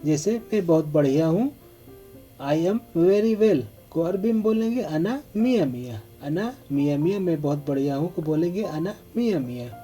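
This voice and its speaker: A man's voice: on the high side, lively intonation, moderate pace, dark tone, soft background music. A man giving a spoken language lesson, repeating each phrase methodically. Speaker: language teacher.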